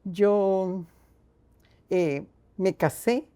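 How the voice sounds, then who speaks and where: An older woman from Costa Rica with a Costa Rican accent, a guest telling her own story slowly and earnestly, with many pauses. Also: mid-range voice, dark tone, smooth, no echo. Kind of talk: reflective personal storytelling.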